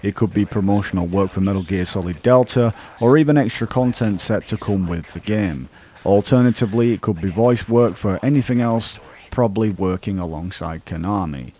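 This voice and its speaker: Narrating a scripted YouTube essay about games, this commentator speaks in a somewhat low voice with a dark tone. His explanations are sincere and carefully paced.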